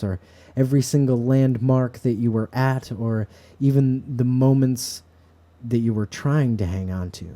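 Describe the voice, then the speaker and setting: A man with a very dark, mellow voice delivers a reflective monologue to camera. He sounds earnest and philosophical, musing at a mid-range pitch. It is recorded in a bedroom. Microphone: camera set up in front of him.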